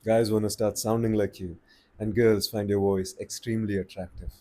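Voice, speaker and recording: A man with an Indian accent giving calm, slow-paced advice on speaking to the camera. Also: fairly low pitch. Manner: slow, calm and deliberate, with pauses. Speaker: voice coach. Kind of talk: casual advice talk to camera.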